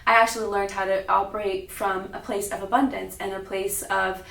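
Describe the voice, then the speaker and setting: Speaking from a distance in a large, echoey room, a young adult woman from Sacramento, California, shares her own story in a public talk. Her voice is mid-range, creaky and slightly bright, with little pitch movement and a moderate pace.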